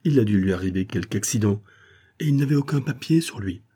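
A man's voice: lowish voice, animated, brisk, warm tone, slightly rough. A man voicing a distraught young woman who pleads anxiously for help finding her missing father. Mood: pleading, distressed.

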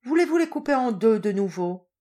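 A woman's voice: a little high, sing-song, fairly quick, mellow, pitched above the performer's own voice. A woman reading an audiobook, voicing a teasing male salesman who plays a prank with exaggerated, mock-polite courtesy.

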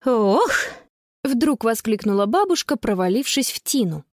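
A woman reads a children's story aloud in a fairly high voice with a lively, sing-song lilt. She voices the characters as she reads, and the recording is close and dry with no room sound. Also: normal speed, no room sound. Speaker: narrator. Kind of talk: children's audiobook narration.

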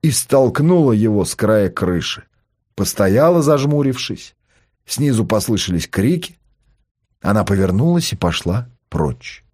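A man narrating an audiobook with lively, expressive storytelling. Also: on the low side, measured pace, husky.

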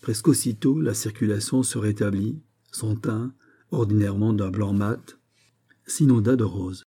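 A man reading a nineteenth-century short story aloud in a measured, steady narrating manner. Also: fairly low pitch, breathy edge. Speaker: audiobook reader. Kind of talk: literary audiobook narration.

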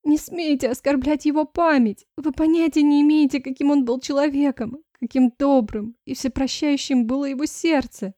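A woman's voice: high voice, a little fast, few pauses, warm tone, no room sound, pitched above the performer's own voice, close to an everyday voice. A woman reader voicing a grieving young heroine who pleads and protests through tears in an audiobook. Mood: distraught. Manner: pleading, distraught.

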